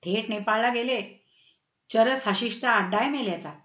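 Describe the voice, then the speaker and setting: A woman's voice: a little high, normal speed, a bit bright, lightly acted. A woman voicing a witty middle-aged husband who teases in a mock-grand way, in a slightly dull, roomy recording. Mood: teasing. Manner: playful, mock-grand teasing.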